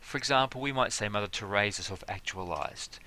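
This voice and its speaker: Bright-voiced man explaining. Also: fairly low pitch, fairly quick. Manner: conversational, many fillers and examples. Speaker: teacher. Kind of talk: explanatory lecture.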